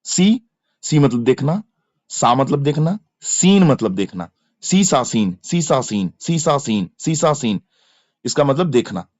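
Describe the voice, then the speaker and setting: A man with an Indian accent teaches English verb forms in an exam-prep lesson, repeating each form and spelling its letters. He speaks slowly, and his pitch leaps up and down as he drills. The recording is dry and a little dull. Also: very animated, darkish tone, no echo. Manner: repetitive chanting of word forms, spelling letters aloud.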